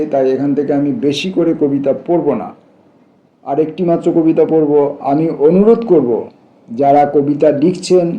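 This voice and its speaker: A man reading poems aloud, stopping to comment and repeating lines for emphasis, in a slow, measured way. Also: a little high, dark tone, echoey room, dull audio. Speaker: poetry reader and commentator.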